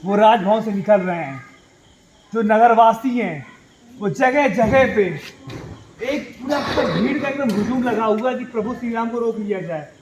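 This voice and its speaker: A man with a high voice tells a story to a room of young schoolchildren. He keeps asking rhetorical questions and answering them himself, and he breaks into a slow sung chant now and then. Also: rough recording. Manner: sings the crowd's plea in a drawn-out chant. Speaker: teacher telling a story to children. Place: school hall at night.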